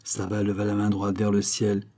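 Man narrating an old novel, low husky voice, steady reading. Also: moderate pace. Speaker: audiobook narrator. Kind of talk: scripted narration.

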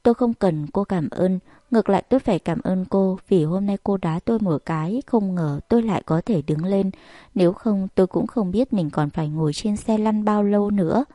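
A woman voicing a soft-spoken, restrained young woman in a storybook reading, speaking calmly. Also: mid-range voice, a little fast, no echo, studio quality, close to an everyday voice. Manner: soft, calm.

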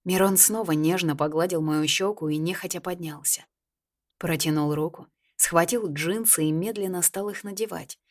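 A woman with a low voice reads a first-person novel as an audiobook narrator. Her delivery is lively and expressive, carrying the story along with feeling. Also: moderate pace.

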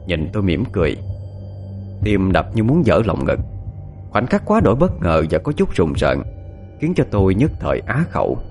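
A man narrating a first-person ghost story in a hushed, suspenseful, expressive way. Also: lowish voice.

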